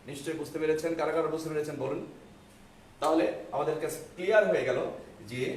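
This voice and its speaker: A man's voice: a little high, darkish tone. Echoey man teaching a grammar lesson. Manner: patient, repeats points slowly, asks students if they understood. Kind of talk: online exam-prep grammar lesson. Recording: echoey far-off mic with faint noise.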